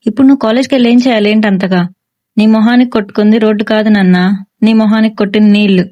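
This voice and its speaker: A woman voicing a stern, middle-aged police officer father who scolds and shouts orders at his son, in a storybook reading. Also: mid-range voice, fairly even intonation, very fast, dull audio, close to an everyday voice. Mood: scolding.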